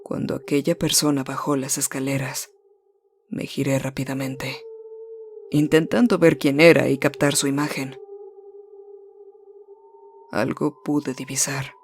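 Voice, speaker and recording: A narrator reading a first-person horror story in a measured, suspenseful way, slowing down and dropping low at the tense moments. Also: flat delivery, slight background noise.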